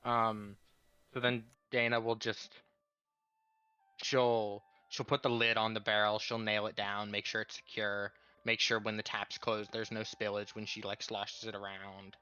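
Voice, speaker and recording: Male tabletop player, casual, forward crisp lower voice, slightly muffled, faint music behind. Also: flat delivery, a little slow, bright, forceful tone, no echo. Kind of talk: casual game narration in third person.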